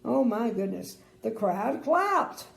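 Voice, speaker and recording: An older woman, a sweet grandmotherly storyteller with a creaky voice, reads a bedtime story expressively and adds chatty asides. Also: fairly high pitch, very animated, slow. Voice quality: creaky, gravelly. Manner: sweet old lady, grandmotherly. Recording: roomy indoor echo.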